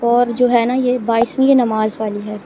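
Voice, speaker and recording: A woman teaching Quran reading in a home video lesson, explaining step by step and drawing words out slowly. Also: fairly high pitch, steady tone, warm tone, a little hiss or hum.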